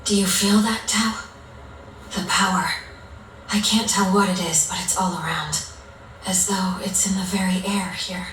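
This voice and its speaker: A woman's voice: medium pitch, fairly even intonation, measured pace, fairly bright tone, slight background noise, natural voice. A woman voicing an attentive, uneasy young female companion in a video game, speaking with concern. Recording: very echoey, distant sound.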